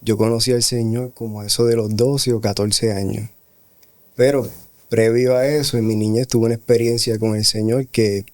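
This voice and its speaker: A middle-aged man, a pastor, giving a slow, reflective spoken testimony with pauses and hesitations. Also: fairly low pitch, darkish tone. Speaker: pastor, guest. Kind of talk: testimony in a radio interview.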